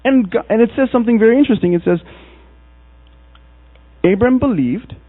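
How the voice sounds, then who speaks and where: Animated preacher man, tinny lo-fi. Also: very high voice, racing. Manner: casual, animated storytelling with acted asides. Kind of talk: sermon. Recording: tinny lo-fi recording with mains hum.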